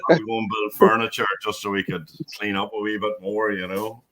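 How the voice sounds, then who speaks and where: Low-voiced Northern Irish man, show regular, joking around in easy chat. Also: level tone, fairly quick, crowd noise. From Northern Ireland. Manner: joking, chatty, laughs between lines. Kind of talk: casual chat.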